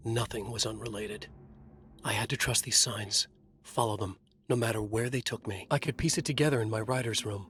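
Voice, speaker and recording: For a video game, an actor plays a haunted, trapped writer narrating his nightmare in a moody, deliberate noir style. His natural voice is medium-pitched and a bit bright.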